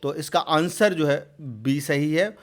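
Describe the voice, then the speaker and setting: A man acting as a computer exam tutor walks through quiz answers in a slightly high voice. He keeps repeating terms, fills gaps with "jo hai" and plenty of hesitations, and gets loud whenever he reads out a fresh question.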